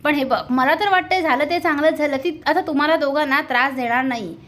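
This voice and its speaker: A woman voicing a gentle, trusting middle-aged aunt who explains herself in a soft, pleading way. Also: high voice, fairly quick. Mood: explaining.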